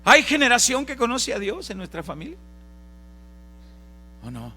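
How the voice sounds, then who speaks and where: A man preaching a sermon, swinging dramatically from loud preaching to hushed storytelling. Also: extremely high pitch, wildly swooping pitch, moderate pace. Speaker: pastor. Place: church service. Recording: reverberant church PA recording with hum.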